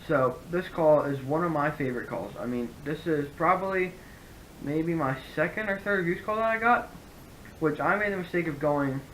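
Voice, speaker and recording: A man's voice: fairly high pitch, lively intonation, normal speed, a bit bright, slight background noise, low-quality recording. A man giving a casual, rambling product review, often correcting himself as he explains. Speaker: hunting gear reviewer.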